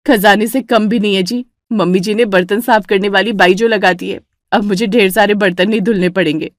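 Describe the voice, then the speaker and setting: A woman's voice: medium pitch, fairly even intonation, a little fast, no room sound, studio quality, close to an everyday voice. A woman voicing a resentful young daughter-in-law in a cartoon, grumbling under her breath.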